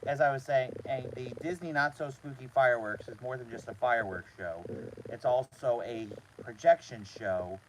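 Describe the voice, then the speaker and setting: A man hosting a casual live stream from inside a small trailer, talking to his chat in a halting way with repeated words. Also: mid-range voice, slight background noise, low-quality recording. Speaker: host of a live show.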